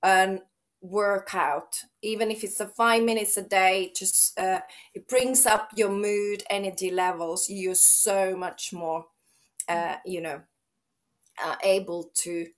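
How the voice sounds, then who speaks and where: Her voice is medium-pitched and slow, with fairly even intonation. She's a chatty, outgoing middle-aged fitness trainer from Finland with Finnish as her first language, talking casually as an interview guest and often beginning sentences again.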